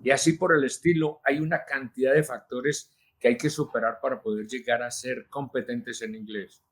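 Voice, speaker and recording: A man, a linguist answering interview questions in a measured, teacherly way, with frequent hesitations. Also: medium pitch, steady tone. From Colombia. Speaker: linguist and journalist, interview guest.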